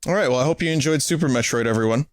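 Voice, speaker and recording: A man's voice: racing, a little hiss or hum. A man streaming a video game live, muttering self-mocking commentary to himself as he plays. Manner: self-mocking, muttering to himself, bursts into high-pitched screams. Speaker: gaming streamer. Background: game music.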